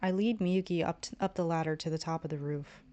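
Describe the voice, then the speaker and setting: A woman's voice: low voice, a little fast, mellow. A woman streamer reading a visual novel aloud, narration and the player's lines, stumbling at times.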